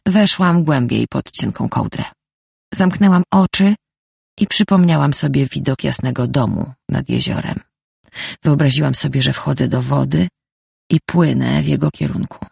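A woman narrating a first-person novel as an audiobook in a calm, reflective reading. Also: extremely low pitch, moderate pace, gravelly, breathy edge, no echo, studio quality.

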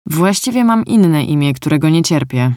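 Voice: medium pitch, animated, normal speed, a little mellow, dry recording, studio quality, close to an everyday voice. A storyteller voicing a grown man, a guarded stranger who speaks bluntly and ironically. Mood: gruff.

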